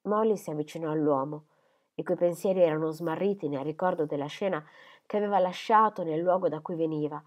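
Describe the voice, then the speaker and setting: A woman narrating a classic novel as an audiobook, measured and expressive. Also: low voice. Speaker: audiobook reader.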